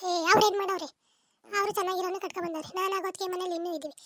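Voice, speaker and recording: Woman doing a high-pitched cartoon daughter-in-law, snappy comebacks, rattles off fast. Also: steady tone, fairly bright tone. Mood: retorting. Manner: quick, retorting, argumentative. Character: sharp-tongued young daughter-in-law, defensive. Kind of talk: comic cartoon dub.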